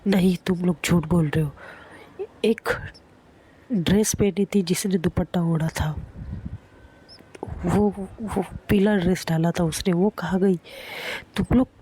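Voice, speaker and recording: A woman's voice: fairly low pitch, fairly even intonation, slow pace, pauses often, mellow, a little hiss or hum. A woman voicing an anxious, accusing young man in a told story, with urgent, agitated questioning. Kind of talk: storytelling narration.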